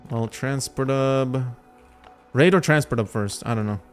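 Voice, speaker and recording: A man's voice: mid-range voice, a little slow, soft background music. A man from Lithuania, casually commenting on gameplay and chatting with his viewers. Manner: chatty, thinking aloud, talks to chat. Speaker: gaming livestreamer.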